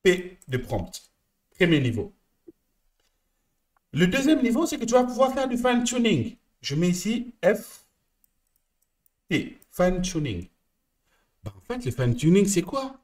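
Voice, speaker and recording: A man's voice: high-pitched, very animated, measured pace, long pauses. A French-accented man coaching one listener, explaining step by step at a whiteboard with many restarts.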